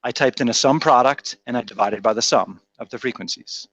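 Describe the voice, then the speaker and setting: This classroom lecture features a Rhode Island math instructor whose faint, mostly softened accent comes through in a brisk, mid-range, slightly bright voice. He teaches chattily and teasingly, thinking out loud, and the recording has its highs cut off.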